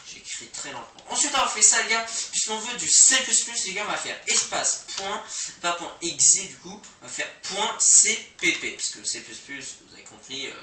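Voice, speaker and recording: A man's voice: high voice, sing-song, normal speed, sharp tone, a little hiss or hum. A young man giving a casual, rambling coding lesson with slang and fillers, recorded on a poor microphone. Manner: slangy, rambling, self-deprecating, many fillers. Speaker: coding tutorial host. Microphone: cheap microphone. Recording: poor mic, echoey room, distant.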